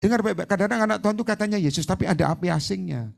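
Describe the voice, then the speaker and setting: A man evangelist preaching a sermon, addressing the congregation emphatically and switching between loud exclamations and hushed storytelling. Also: sits high, very fast, creaky.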